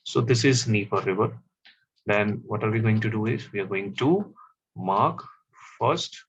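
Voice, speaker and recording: Slow-talking male teacher explaining a map. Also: fairly low pitch, slightly rough. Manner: slow, stop-start explaining with fillers. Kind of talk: classroom map lesson. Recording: dull, slightly lo-fi audio.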